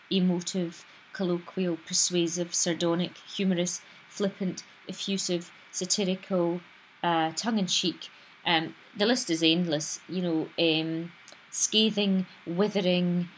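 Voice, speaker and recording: British woman teaching, low-voiced. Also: fairly bright tone, a little hiss or hum, low-quality recording. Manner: explanatory, acts out example sentences in different tones. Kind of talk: recorded lesson.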